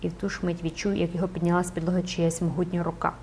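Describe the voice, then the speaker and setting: A woman's voice: lowish voice, level tone, racing, a little mellow, a little hiss or hum. A woman narrating an audiobook dramatically and expressively, rising with the action.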